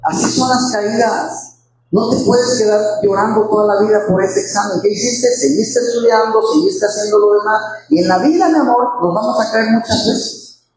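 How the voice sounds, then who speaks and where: A man's voice: sits high, moderate pace. A man preaching a Sunday sermon, fervent and repeating his phrases, calling his listeners brothers. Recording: very echoey hall, faint background noise.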